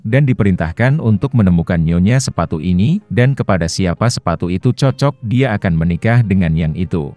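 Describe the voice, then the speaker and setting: A man with a lowish, mellow voice reads a scripted fairy tale to children, storyteller-style. Faint music plays behind him, and the recording has a roomy echo.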